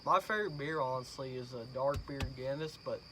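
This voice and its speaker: A man's voice: medium pitch, a little fast. Young man reviewing dip, noisy recording. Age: early 20s. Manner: talking with chewing tobacco in the lip; blunt, emphatic, opinionated. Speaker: amateur product reviewer. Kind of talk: casual chat, profane. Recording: noisy amateur recording, insect-like ambience.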